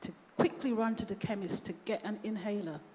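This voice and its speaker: A woman in her fifties on a church panel, telling a personal story in a lively, conversational way. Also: medium pitch, a little fast. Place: church hall. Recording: echoey hall, faint background noise.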